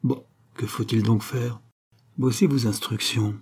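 A man's voice: medium pitch, steady tone, measured pace, a little mellow, husky. A man voicing a scornful, scheming blind old uncle with a curt manner.

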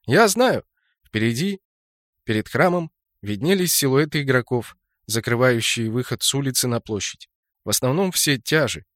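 A man narrating a fantasy game novel in a steady storytelling voice, lifting it sharply for shouted lines. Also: mid-range voice, moderate pace, no echo, clean studio sound. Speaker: audiobook narrator.

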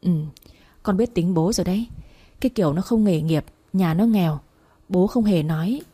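A woman's voice: fairly low pitch, normal speed, warm tone, husky. Woman reading a stern, lecturing father. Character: stern older father, disapproving and controlling.

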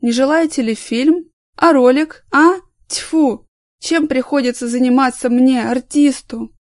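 A bitter, drunken former stage actor bellows and slurs his grievances, put on by a woman reader. His voice sits high and loud with a dry, close sound. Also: a little slow, no echo. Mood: drunken rant. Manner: slurred, shouting, self-pitying. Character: drunk bitter male ex-theatre actor, middle-aged.

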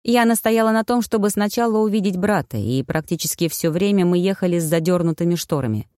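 A woman narrating an audiobook in the first person, with brisk, clear storytelling. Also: on the low side, expressive, darkish tone, no echo, clean studio sound.

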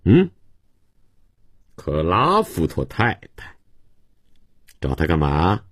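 A man's voice: low-pitched, huge pitch swings, slow, no room sound, clean studio sound, exaggerated voice. A man voicing a haughty adult male servant who talks down to a child in a teasing, condescending way.

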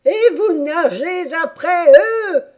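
A woman voicing a loud, excitable griffin. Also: medium pitch, slow.

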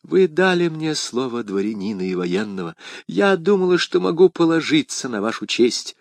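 A man's voice: medium pitch, very animated, moderate pace, vocal fry, no room sound. A man reading the part of an anxious young townswoman in an audiobook. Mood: reproachful.

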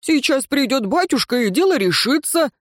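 A shrill, lovestruck young noblewoman from a storybook, giddy and sure she will soon be wed, as a man reads her lines. Her voice jumps high and bright. The recording is close and dry. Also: big pitch swings, moderate pace, no room sound. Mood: indignant.

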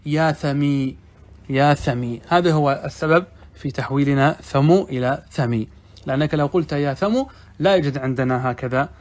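A middle-aged man teaching Arabic grammar as a sheikh, explaining step by step and asking questions that he answers himself. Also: a little high. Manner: reads quoted text slowly and deliberately. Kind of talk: classroom commentary on a grammar text.

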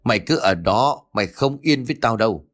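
A fierce older mother in a spoken ghost story, hurling harsh scolding lines, voiced by a male narrator. The pitch swings widely, with soft music behind. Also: animated, a little fast, natural voice. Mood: furious scolding.

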